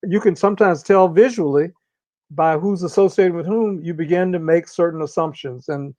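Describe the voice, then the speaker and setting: Man, interview guest, slightly high pitch, deliberate pauses, dry close sound, muffled audio. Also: dark tone, no room sound. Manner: measured and deliberate, with drawn-out pauses. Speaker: interview guest, organizational consultant. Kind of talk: reflective conversational explanation.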